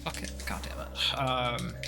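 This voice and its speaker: Medium-pitched and steady, this gamer speaks unhurriedly with some vocal fry over a noisy background. His playthrough commentary is a casual, hesitant mutter aimed mostly at himself, sprinkled with occasional mild swearing.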